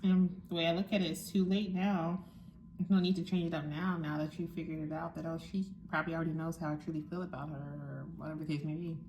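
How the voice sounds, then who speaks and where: A woman's voice: deep voice, little pitch movement, quick pace, darkish tone, slight background noise. A young woman chatting casually to her viewers, talking while she eats, frank and musing. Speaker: vlogger. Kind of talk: casual chat to camera.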